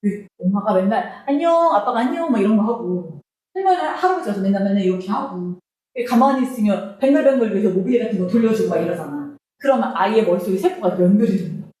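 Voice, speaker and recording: Lively woman teacher in a very echoey room. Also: mid-range voice, fast talker. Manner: lively, talks to students with rhetorical questions; switches between Korean explanation and read-out English. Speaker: English teacher. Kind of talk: exam passage lecture.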